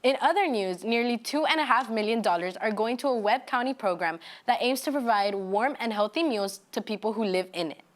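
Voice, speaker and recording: A woman's voice: a little high, a little fast, few pauses. A young woman reading scripted news as a student co-anchor of a mock newscast.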